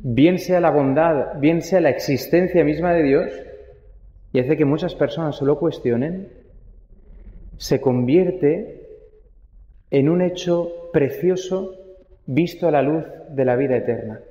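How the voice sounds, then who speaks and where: A young man preaches a homily, talking with his congregation and putting questions to them. His voice sits a little high and rings on through a large church with a long echo. The sound is dull and muffled. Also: slow, pauses often, dark tone. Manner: conversational, asks the congregation questions. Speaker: priest.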